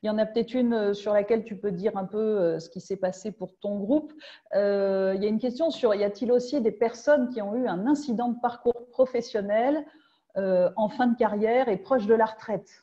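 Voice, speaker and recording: A woman moderator on a webinar, heard through a dull lo-fi call. She reads out the audience's questions to her guest with short acknowledgements. Her tone is mid-pitched and mellow. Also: normal speed.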